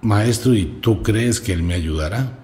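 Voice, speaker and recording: A man's voice: lowish voice, measured pace, darkish tone, close to an everyday voice. A man voicing a humble, polite young male disciple in a told story. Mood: timid.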